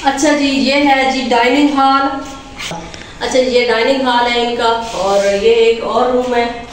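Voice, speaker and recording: A woman's voice: on the high side, fairly even intonation, slow. Chatty Pakistani woman vlogger, roomy phone sound. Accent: Pakistani Urdu. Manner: chatty, addresses viewers as friends, points things out. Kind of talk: casual home tour vlog. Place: village house rooftop and rooms. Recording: roomy sound with clear background noise.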